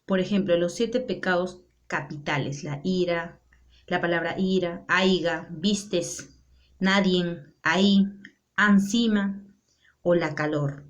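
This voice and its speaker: A woman's voice: on the low side, steady tone, slow pace. Woman explaining a language lesson. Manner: explanatory, with frequent rhetorical "¿no?" checks. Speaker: teacher. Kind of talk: classroom lesson.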